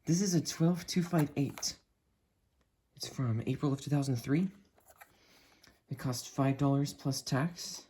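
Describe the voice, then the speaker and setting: A gadget review host with a medium-pitched, warm voice presents a product in a casual, chatty way, handling it while talking unhurriedly with long pauses. The hands-on review is recorded indoors at home, with some noise and clicks behind the voice.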